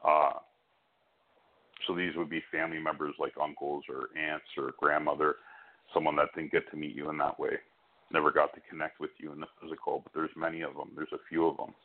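Muffled, band-limited audio carries a man with a low voice. He gives a psychic hotline reading in a reassuring manner, often seeking the listener's agreement. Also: little pitch movement, a little fast, gravelly. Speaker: phone-in psychic medium.

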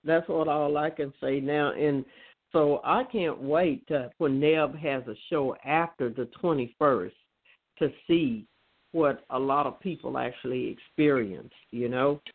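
A man's voice: on the high side, measured pace. A man in casual spiritual chat, talking in an earnest, meandering way with many fillers. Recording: tinny phone line.

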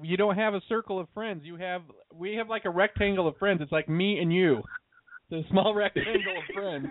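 A man's voice: high voice, brisk, dry recording. Man breaking up on a staticky call. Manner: blunt and profane, wry. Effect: voice breaking up over a glitchy, staticky Skype call. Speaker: co-host of an internet radio show. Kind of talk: casual banter. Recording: tinny, dry internet call line breaking up.

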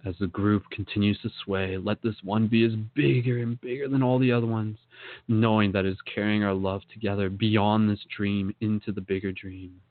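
Low-voiced man guiding a meditation. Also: steady tone, no echo, narrow, tinny audio. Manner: slow, soothing, second-person guidance. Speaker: meditation guide. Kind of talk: guided meditation.

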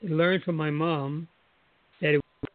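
A man calling in to share a personal testimony, reflective, chuckling now and then as he recalls, his voice going hoarse. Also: a little high, steady tone, measured pace. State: losing his voice. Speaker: caller. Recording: dry tinny phone line.

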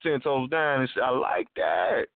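A man's voice: mid-range voice, expressive, measured pace, gravelly, no echo, phone-quality sound. A man co-hosting a talk show, chatting in casual street slang with a blunt, insistent, profane manner. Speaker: radio co-host.

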